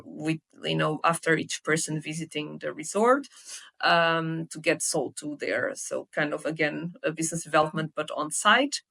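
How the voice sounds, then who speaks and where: A young woman from Portugal, a sales hiring expert, telling her story in a lively, conversational interview with many fillers. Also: low-pitched, gravelly. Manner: lively storytelling with frequent fillers and self-corrections.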